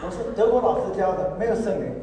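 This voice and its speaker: A high-voiced man preaches, telling his story in lively bursts and breaking into laughter as he mimics others. His voice carries from a distance across a big hall. The long echo lingers after each phrase. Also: rapid-fire, heavy background noise. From Taiwan. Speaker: pastor. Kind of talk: storytelling sermon. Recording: echoey hall, voice from far off.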